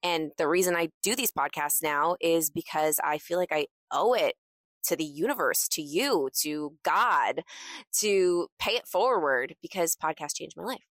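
A woman's voice: low voice, lively intonation, measured pace, no room sound. A woman podcast host talking casually from inside a closet, in a chatty, emphatic, motivational manner. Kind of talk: casual solo podcast talk.

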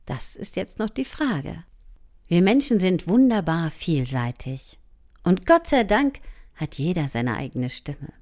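A woman leading a voice training lesson, speaking directly to the listener in an encouraging way, sometimes dropping into soft asides. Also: lowish voice, big pitch swings, a little slow. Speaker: voice coach.

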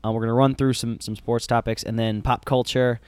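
A man's voice: medium pitch, flat delivery, a little fast, a little mellow, clear, resonant tone, dry recording. A man co-hosting a casual sports podcast, joking and teasing his partner. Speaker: podcast co-host.

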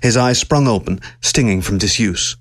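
Low-voiced man reading a story. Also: no echo. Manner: steady, measured storytelling. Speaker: narrator. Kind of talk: audiobook reading of a science-fiction story.

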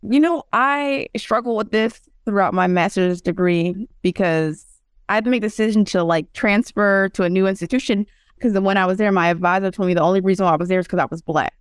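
In a clean, dry studio recording, a young woman speaks in a smooth mid-range voice at a brisk clip. She's a guest in a relaxed interview, spinning animated stories and performing other people's lines.

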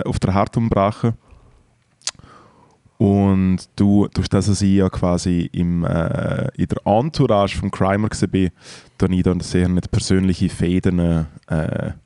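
Low-voiced, laid-back Swiss German man. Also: darkish tone, no echo. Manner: laid-back, hesitant, dry humor. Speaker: musician and podcast co-host. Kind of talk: casual banter.

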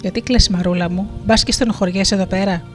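A storyteller voicing the sun as a kindly, lordly old figure in a folktale, speaking gently and with concern. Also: mid-range voice, fairly even intonation, close to an everyday voice. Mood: gentle. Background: faint music.

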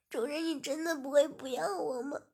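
A woman reading a story voices a young woman who is crying and pleading in a high, tearful, emotional voice. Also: vocal fry, pushed and bright, heavily acted. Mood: timid.

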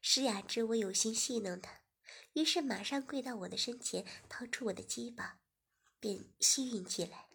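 A woman narrating a story, reading evenly and sometimes dropping into a soft whisper. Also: on the high side, moderate pace, vocal fry, slightly rough.

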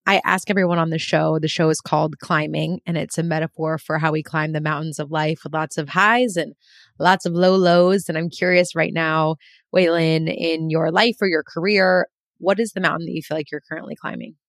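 Woman podcast host, real low voice w a lot of fry, gushy and affirming. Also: steady tone, normal speed, no room sound, studio quality. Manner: effusive and affirming. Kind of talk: podcast interview.

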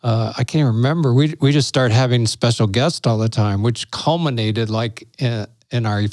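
A man's voice: mid-range voice, moderate pace, darkish tone, no room sound. A middle-aged man, a pastor and guest, telling stories in casual conversation. He talks animatedly, laughs often and acts out the lines of people in his stories.

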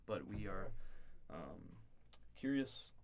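In a low, very animated voice, this twenty-something podcast co-host talks slowly from a dorm room. His casual chat is earnest, long-winded explanation full of fillers, with slight noise behind him.

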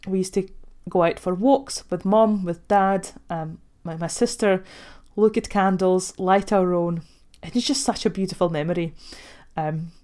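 A woman in her thirties from Latvia, Russian being her first language, talks alone into a podcast mic as a life coach. Her delivery is gentle and reflective, with frequent soft laughs. Her voice sits at an ordinary middle pitch. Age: 30s. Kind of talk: solo podcast monologue.

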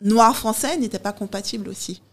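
A woman guest in casual conversation, animated, laughing often as she tells anecdotes. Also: a little high, a little fast.

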